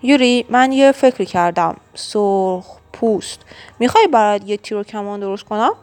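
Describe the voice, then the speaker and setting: A woman's voice: mid-range voice, animated, darkish tone, close to an everyday voice. A woman voicing a kind, playful grown man who looks after a child, in a storybook read-aloud. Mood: cheerful.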